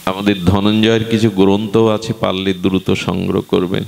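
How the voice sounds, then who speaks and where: A man's voice: little pitch movement, normal speed, gravelly, darkish tone, in a large hall, a little hiss or hum. A man preaching a devotional sermon, telling a sacred story with impassioned rises and chanting verses in melody. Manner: impassioned, rising to high emotional peaks.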